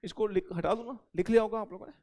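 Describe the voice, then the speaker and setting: Guy teaching accounting, high voice, asks stuff then answers it himself, dictates notes real slow. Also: mellow. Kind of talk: recorded classroom lecture.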